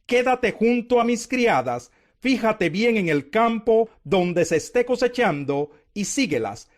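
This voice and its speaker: A man voicing a kindly, authoritative landowner in a scripted scripture reading, solemn and measured. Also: high-pitched, big pitch swings. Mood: kindly instructing. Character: kindly, authoritative male landowner of biblical times.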